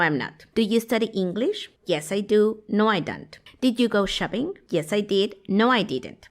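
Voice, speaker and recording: Clear-voiced woman teaching English. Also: medium pitch. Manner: clear, didactic, reads English example sentences aloud. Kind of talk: scripted online lesson.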